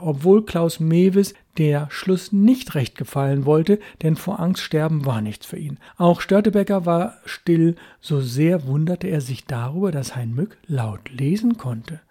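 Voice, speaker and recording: A male audiobook narrator reading a story in a steady, measured way. His voice is slightly high for a man yet dark and mellow. The narration is calm and even. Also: slightly rough. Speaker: audiobook reader.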